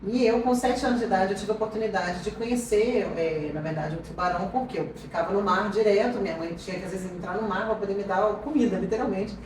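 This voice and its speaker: A woman in her forties with a Minas Gerais accent talks warmly and casually as an interview guest, laughing easily and restarting her phrases. Her voice sits well back from the mic. The room rings with heavy echo over a clear bed of background noise. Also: medium pitch, fast talker, few pauses, far from the mic. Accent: Minas Gerais Portuguese. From Minas Gerais, Brazil. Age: 40s. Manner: lively, laughs, many restarts. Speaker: marine biologist guest.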